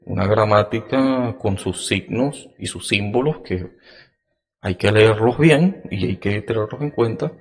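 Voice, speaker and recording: Male podcast host, low-ish voice, very slow deliberate explainer with frequent fillers. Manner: acts out example phrases in a raised, sing-song pitch.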